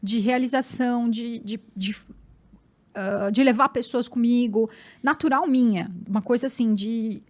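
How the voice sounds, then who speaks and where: A woman with a Brazilian Portuguese accent, a guest and marathon runner, telling her story in an animated, emphatic way and often repeating words. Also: on the high side, a little slow. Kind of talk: personal storytelling in conversation.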